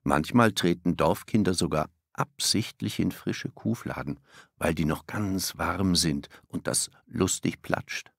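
A man narrating a children's audiobook in a playful, animated way. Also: low-pitched, measured pace, gravelly, husky, dry recording, studio quality.

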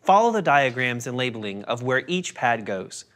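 A man narrating a scripted first-aid lesson in a calm, step-by-step instructive manner. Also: medium pitch, moderate pace.

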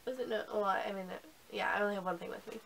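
A woman who is sick and hoarse, chatting casually about beauty products with lots of ums and restarts. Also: medium pitch, very fast, a bit bright, a little hiss or hum. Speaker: beauty vlogger. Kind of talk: casual haul review.

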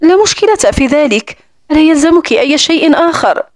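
A woman's voice: sits high, lively intonation, brisk, dry recording, studio quality. A woman reading the part of a polite, easygoing young male guest. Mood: friendly.

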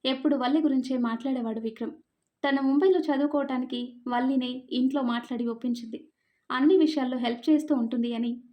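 A woman who hosts a story channel, narrating a serialized story in a gentle way and addressing her listeners directly as friends. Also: high voice, fairly even intonation, fast.

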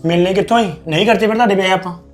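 A man's voice: sits high, very fast, faint music behind, natural voice. A man plays a grown son who insistently argues back at his mother. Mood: arguing. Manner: argumentative, insistent. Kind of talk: family web series acting.

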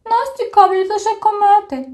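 A woman's voice: very high-pitched, normal speed, darkish tone, roomy sound, pitched above the performer's own voice. A woman voicing a small timid male creature who sobs and wails his complaints, in an audiobook, with faint music behind. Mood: pestering. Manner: sobbing, wailing complaints. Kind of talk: audiobook character voice.

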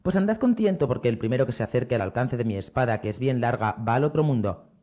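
A man reading aloud, voicing a bold, quick-tempered musketeer lieutenant in an audiobook. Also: medium pitch, animated, muffled recording, natural voice. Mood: defiant. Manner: defiant, boastful, sharp-tongued.

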